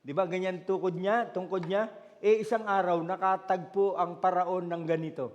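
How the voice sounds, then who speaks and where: A Filipino man preaching a sermon as pastor, searching aloud for words and rising to shouted declarations. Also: high-pitched, steady tone, moderate pace, dull audio. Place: church hall. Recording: long church hall reverb.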